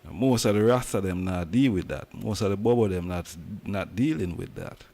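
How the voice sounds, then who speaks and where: Jamaican male host, deep register, emphatic patois talk. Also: expressive, normal speed, creaky, warm tone. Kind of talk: casual commentary.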